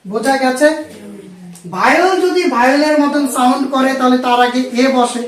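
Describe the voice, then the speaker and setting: High-voiced male teacher in echoey classroom. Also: moderate pace, far from the mic. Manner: drills students with repeated questions and spelled-out words. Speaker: English grammar teacher. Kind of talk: classroom grammar lesson with call-and-response questions. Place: classroom with students.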